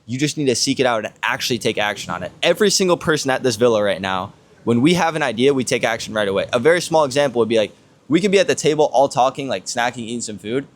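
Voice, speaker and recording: A man with a medium-pitched voice talks casually as a motivational podcast co-host. He builds his points with rhetorical questions and short tag questions that seek agreement. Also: expressive, fast. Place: outdoors on a villa balcony.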